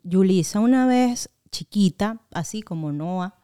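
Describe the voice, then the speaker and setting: A young woman with a Venezuelan accent, chatting on a podcast and spinning lively family anecdotes. Her voice is mellow and dark, with a smooth, clear tone. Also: medium pitch, measured pace. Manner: animated storytelling, acting out family quotes. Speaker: podcast co-host. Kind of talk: casual chat.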